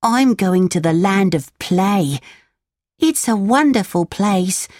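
A woman's voice: on the high side, a little slow, dry recording, clean studio sound, pitched above the performer's own voice, lightly acted. A woman voicing a boastful schoolboy who talks up a place of endless play. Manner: lively and boastful. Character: boastful boy, eager for fun.

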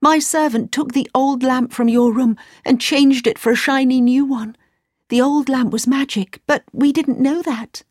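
A gentle young princess speaks in a high, lively storybook voice, as a woman acts her out. She is loving and warm to the listener. The sound is dry and close-miked. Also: moderate pace, no echo. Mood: telling.

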